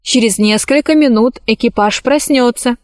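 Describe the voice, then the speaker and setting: Woman narrator, slow, slightly high voice, expressive storybook reading, dry sound. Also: dry recording. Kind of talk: reading a children's story aloud.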